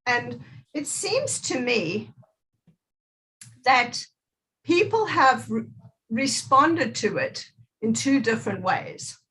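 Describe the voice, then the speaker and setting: Energetic motivational woman, slow and bright. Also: a little high, poor audio. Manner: energetic, chanting repeated phrases. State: out of breath after moving. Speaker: guest speaker leading a movement exercise. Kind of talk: upbeat motivational talk.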